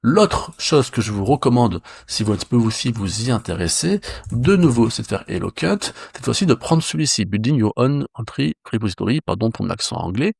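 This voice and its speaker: A man's voice: mid-range voice, sing-song, brisk, vocal fry, husky, dry recording, studio quality. A man giving a casual screen-share tutorial as a developer trainer, talking conversationally with fillers and self-corrections.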